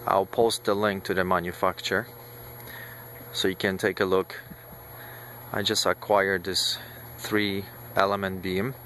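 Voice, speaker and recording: Slow, low-voiced man on a phone video. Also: level tone, bright, forceful tone, slight background noise. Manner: unhurried, with many pauses and fillers. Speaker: amateur radio hobbyist. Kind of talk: casual show-and-tell. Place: small backyard, outdoors. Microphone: handheld phone camera, shaky video.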